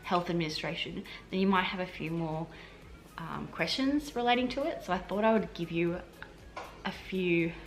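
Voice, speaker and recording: In this casual explanatory vlog, an Australian woman, a hospital admin officer, chats to camera in a meandering style, often restarting and using fillers. Her voice is lowish and her pace normal.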